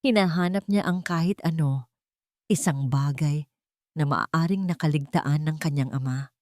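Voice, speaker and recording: A woman with a fairly low, darkish voice narrates a scripted romantic drama at a measured pace. The recording is dry and close, with no room sound.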